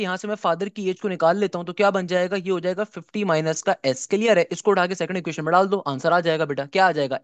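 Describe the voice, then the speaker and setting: A man's voice: high voice, clean tone, dry recording. A young man, tutoring for an entrance exam, walking through each step and answering his own questions. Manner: explains step by step, asks and answers his own questions, calls students son. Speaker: math tutor. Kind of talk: exam-prep math lecture.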